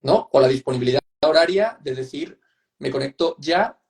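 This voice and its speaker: Speaking expressively at a moderate pace, this mid-range voice with vocal fry comes from a Spanish-accented psychotherapist in an online interview. He explains conversationally but firmly, restating points and seeking agreement via tag questions.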